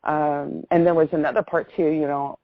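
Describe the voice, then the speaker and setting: Her voice sits low, with a steady tone and a moderate pace, and there's no echo on the muffled phone recording. The caller, a middle-aged American woman, rambles effusively through a casual account of her own experience.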